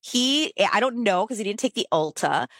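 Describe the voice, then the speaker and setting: A woman's voice: normal speed, no echo. A middle-aged American woman, a business author, talking casually in an interview with lots of "like" and sudden emphatic rises. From United States. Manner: animated, filler-heavy, emphatic pitch jumps.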